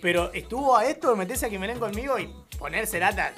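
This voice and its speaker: High-voiced Argentine man telling stories. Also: quick pace, soft background music. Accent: Argentine Rioplatense Spanish. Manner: animated storyteller, laughs often. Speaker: radio show co-host. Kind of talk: casual live radio chat.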